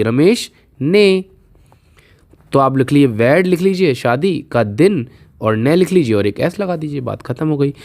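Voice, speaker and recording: A man teaching English spelling in a casual video lesson, patiently repeating each question and answer and slowing down to spell words out letter by letter. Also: mid-range voice, a little mellow. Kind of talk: casual Hindi video lesson with memory tricks.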